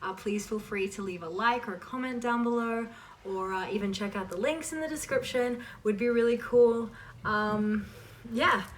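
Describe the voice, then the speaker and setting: Speaking a bit high and at a moderate pace, this woman hosts a relaxed Q&A for her audience, reading questions aloud and answering emphatically and informally. The recording is distant, with a faint hiss or hum.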